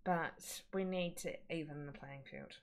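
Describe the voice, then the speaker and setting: Lowish-voiced woman chatting on a livestream. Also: steady tone, measured pace. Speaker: livestream co-host. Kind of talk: casual livestream chat.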